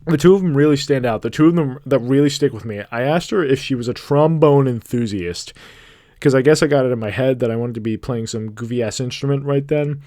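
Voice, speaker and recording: A man telling a rambling, deadpan story in a comic monologue, with bursts of emphasis. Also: mid-range voice, fairly quick, no echo, clean studio sound. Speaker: fan voice actor dubbing an animation.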